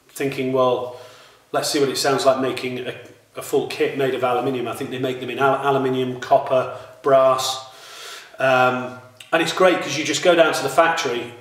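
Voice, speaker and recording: A British man, a drummer, talking casually about his gear in a relaxed way, with many ums and restarts. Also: medium pitch, recorded from a distance. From United Kingdom. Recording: echoey room, mic some way off.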